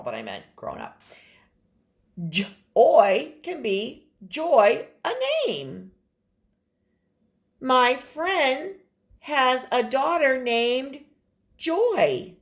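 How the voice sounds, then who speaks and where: A woman kindergarten teacher giving a phonics lesson to young children, sounding out and repeating words with exaggerated emphasis and encouraging them directly. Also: medium pitch.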